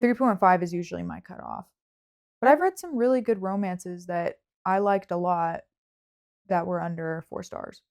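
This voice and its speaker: A woman hosting a book podcast chats casually and informally, hedging and scattering "like" throughout. She speaks at a moderate pace in a lowish, gravelly voice with a darkish tone.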